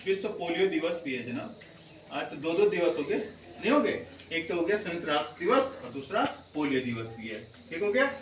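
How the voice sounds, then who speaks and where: High-voiced male teacher in an echoey room. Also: sing-song, fairly quick, far from the mic, noisy background. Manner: explains patiently, often checks with "thik hai". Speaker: school teacher. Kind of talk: classroom lesson to children.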